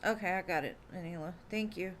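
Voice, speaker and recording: Talking fast in a fairly low voice, a tarot streamer chats casually through her live readings, peppering them with "um" and "like." She addresses viewers as "love," and a little background noise is audible.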